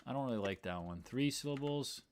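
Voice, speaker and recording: A man's voice: medium pitch, lively intonation, brisk, a little hiss or hum. A man who edits video, chatting casually on a livestream as he works, thinking aloud, trailing off and restarting his sentences. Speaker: video editor. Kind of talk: casual livestream talk while editing.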